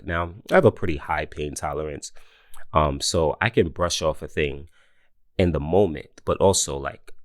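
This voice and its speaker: A man in his forties telling a casual personal story, animated, often laughing and mimicking others in high voices. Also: dry recording, clean studio sound. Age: 40s. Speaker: host.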